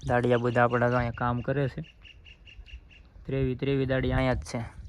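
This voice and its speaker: A man's voice: mid-range voice, completely flat delivery, a little fast, a little hiss or hum. A man, vlogging earnestly to his phone outdoors on a farm. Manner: earnest, talks in a homely village way. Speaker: farmer vlogger. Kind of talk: casual vlog talk to camera. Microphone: phone held by the speaker.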